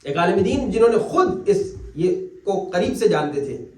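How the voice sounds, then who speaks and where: Earnest male preacher, high voice, roomy distant sound. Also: sing-song, warm tone, slight background noise. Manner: storytelling with quoted dialogue, earnest. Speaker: cleric. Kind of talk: religious lecture. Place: Islamic centre hall. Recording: echoey hall, distant mic.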